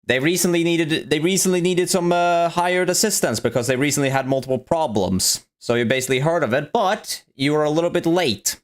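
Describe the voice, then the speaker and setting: A man's voice: a little high, brisk, hardly any pauses. A man running a tabletop game as dungeon master, narrating the scene in a rambling way, restarting his sentences and swearing casually on a voice call. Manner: rambling, profane, restarts often while narrating.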